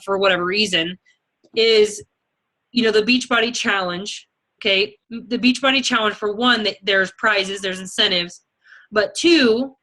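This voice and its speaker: Bright and forceful, this woman's mid-range voice belongs to a fitness sales coach addressing her team. She keeps things casual and chatty in a motivational way, sprinkling in "okay" and "you know" a lot.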